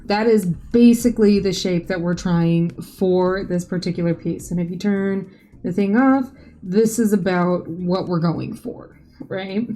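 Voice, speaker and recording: Mellow-voiced woman, chatty tutorial host. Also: fairly low pitch, unhurried. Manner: chatty, informal, lightly self-joking. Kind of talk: casual tutorial voice-over. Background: faint background music.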